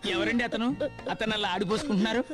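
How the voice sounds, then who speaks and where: An actor playing a timid neighbour husband who rambles nervously, in a film comedy scene. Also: male voice, high-pitched, fast talker, over music, lightly acted.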